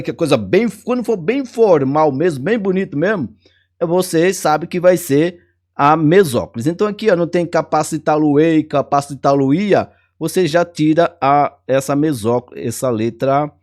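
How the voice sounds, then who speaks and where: Man, grammar teacher, playful, repeats key words, slightly high-pitched. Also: a little mellow. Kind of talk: exam-prep grammar lesson.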